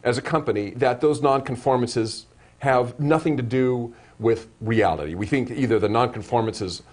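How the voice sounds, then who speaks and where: Speaking at a moderate pace with a medium pitch and a darkish tone, this show host runs a live web-broadcast interview. His questions ramble on at length, and he keeps restarting and correcting himself.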